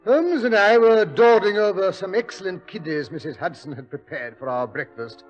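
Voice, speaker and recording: High-pitched, animated old British Doctor Watson. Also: male voice, normal speed, dull audio, soft background music. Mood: narrating. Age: older. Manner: fussy, old-fashioned, chuckling storyteller. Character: Doctor Watson, genial chatty old English doctor and storyteller. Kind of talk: 1940s radio acting.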